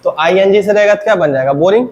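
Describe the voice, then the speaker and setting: A man teaching English grammar in a classroom lesson. He often asks a question, answers it himself in a lower voice, and checks whether the class has understood. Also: fast, dull audio. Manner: asks questions then answers them himself, dropping low on the answers.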